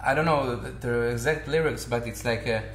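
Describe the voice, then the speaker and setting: A man's voice: medium pitch, fairly quick, reverberant, slight background noise. A man in his thirties from Armenia, a singer and vocal coach, talking casually with many fillers and restarts in a living room. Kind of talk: casual interview. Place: bright living room with large window.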